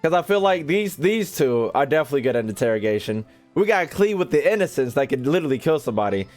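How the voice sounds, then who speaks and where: Talking to his chat, a young American gaming streamer delivers casual, joking gameplay commentary full of slang. His voice sits on the high side, fast, sing-song and a little mellow, with soft music playing behind him.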